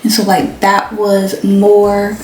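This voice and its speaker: A woman's voice: medium pitch, monotone, takes it slowly, a little mellow, soft background music. A young woman chatting casually to her viewers, full of slang, talking straight to the camera. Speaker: vlogger. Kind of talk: casual chat. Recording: echoey room, mic at a distance.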